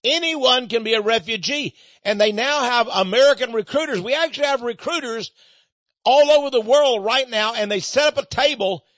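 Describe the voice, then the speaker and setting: High-voiced guy doing a snarky mocking talk monologue, muffled lo-fi audio. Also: moderate pace, fairly bright tone, no echo. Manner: sarcastic, mocking. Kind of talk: opinionated monologue. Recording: dull lo-fi sound.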